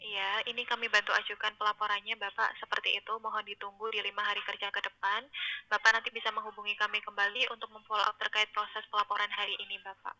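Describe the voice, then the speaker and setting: A woman's voice: medium pitch, little pitch movement, fast, sharp tone. A woman speaking as a call centre agent in a polite, formal customer service voice over a muffled phone line.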